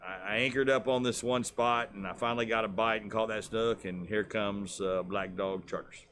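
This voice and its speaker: A man's voice: on the low side, fairly even intonation, normal speed, a bit bright, slight background noise. A man, co-hosting a casual fishing show and telling a long, laughing story full of restarts. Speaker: co-host.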